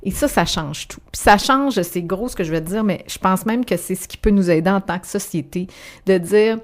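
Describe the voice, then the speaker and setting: A woman author with a Québécois French accent speaks at a normal pace in a medium-pitched voice during a radio interview. She is reflective, often restarting her sentences and using fillers.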